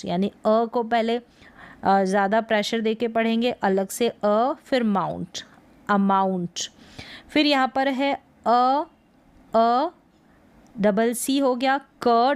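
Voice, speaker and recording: Woman from India teaching a pronunciation lesson at a very slow, patient pace, breaking each word into syllables. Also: on the high side, clear, resonant tone. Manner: sounds out words syllable by syllable. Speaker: English teacher.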